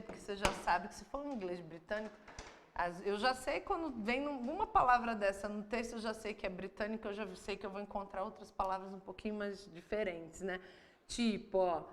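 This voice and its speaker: A woman's voice: mid-range voice, slight background noise. Woman, Brazilian accent, exam-prep English teacher, explains examples patiently. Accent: Brazilian Portuguese. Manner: explains step by step, reads English examples aloud then translates. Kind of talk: online exam-prep lesson.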